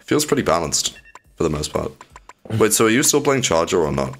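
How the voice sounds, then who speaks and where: A man streaming a shooter game, chatting casually with a teammate in excitable bursts and frequent laughs. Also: low voice, fairly quick, slightly rough, faint music behind. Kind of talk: casual gaming chat.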